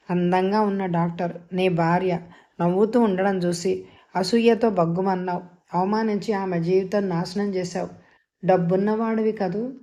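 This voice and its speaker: A woman voicing a defiant, sharp-tongued young woman doctor in an audio novel, speaking with scorn. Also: mid-range voice, lightly acted. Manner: scornful, scolding.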